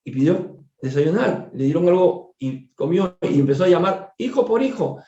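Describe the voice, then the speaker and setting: A doctor telling a case story during a spiritist book study, conversational and digressive, repeating words and turning to his listeners with quick asides. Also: on the high side, animated, mellow. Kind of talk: storytelling lecture. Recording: echoey room, dull lo-fi sound.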